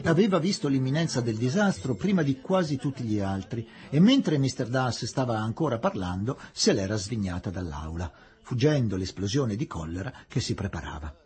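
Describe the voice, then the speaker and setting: A man reading a novel aloud in a theatrical, expressive way with a husky voice. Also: mid-range voice, moderate pace, soft background music. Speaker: audiobook reader. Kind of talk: dramatic literary reading.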